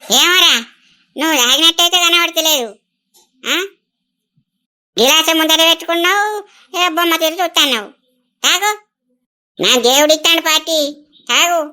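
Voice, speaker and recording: A woman's voice: very high voice, moderate pace, pauses often, bright, forceful tone, heavily acted. Woman playing a tipsy old village granny. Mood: bossy. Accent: Telangana Telugu. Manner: bossy, boisterous, sing-song when drunk. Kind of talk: village comedy skit.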